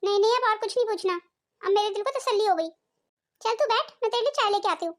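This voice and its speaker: A woman's voice: extremely high pitch, fast talker. A woman voicing a worried, scolding older mother-in-law in a cartoon family drama, fretful and motherly. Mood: soothing.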